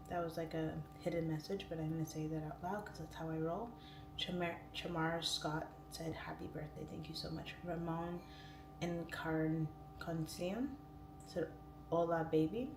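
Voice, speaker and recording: Her swollen tongue, newly pierced, makes this late-thirties woman's speech a bit impeded as she hosts a relaxed livestream and reads out viewers' comments. Her voice is deep, picked up by a faraway mic in an echoey room with noticeable background noise.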